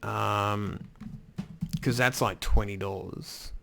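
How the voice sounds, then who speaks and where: A man's voice: lowish voice, fairly even intonation, slow, creaky, a bit bright, a little hiss or hum. A man hosting a live stream, rambling casually and swearing now and then as he answers his chat. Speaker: livestream host reading chat.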